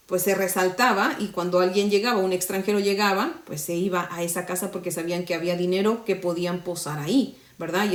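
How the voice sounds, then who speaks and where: A woman's voice: medium pitch, roomy sound. A woman from Mexico, teaching the Bible to women in a conversational devotional style and often checking in with her listeners. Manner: conversational, often asks "¿verdad?".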